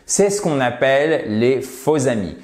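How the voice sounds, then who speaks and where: A man's voice: medium pitch, expressive, measured pace, a little mellow, reverberant. A man teaching English to French speakers, calling his viewers "chers amis" and modelling example sentences. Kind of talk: French-language English lesson.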